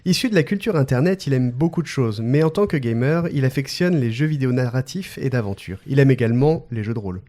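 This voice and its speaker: A man's voice: medium pitch, animated, quick pace, hardly any pauses, dark tone. A man hosting a podcast, reading out a guest introduction with playful joking asides and frequent laughter. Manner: playful, often breaks into laughter. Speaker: podcast host.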